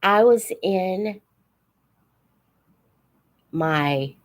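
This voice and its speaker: An American woman in her seventies, hosting a live Q&A stream as a teacher figure, shares memories informally and reflectively. Her expressive voice sits slightly low and she speaks slowly, telling things as personal stories. She's halting, often pausing mid-thought and acting out quoted dialogue.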